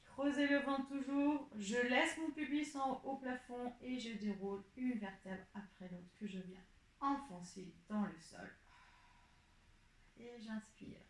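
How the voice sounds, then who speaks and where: A woman teaching a pilates class, calmly cueing each breath and movement step by step. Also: a little high, a little slow. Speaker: pilates instructor. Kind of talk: guiding an exercise class. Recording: echoey room.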